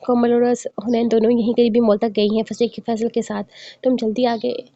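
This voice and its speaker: A woman voicing a mild, kindly middle-aged mother in a fast-read audio novel, recorded dull and dry. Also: a little high, flat delivery, mellow, no room sound, natural voice.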